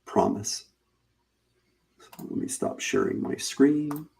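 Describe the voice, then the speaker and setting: A man hosting a live webinar, pitching a paid challenge in a casual, chatty way, repeating and restarting phrases as he goes. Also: wildly swooping pitch, slow, vocal fry, darkish tone. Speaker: webinar host.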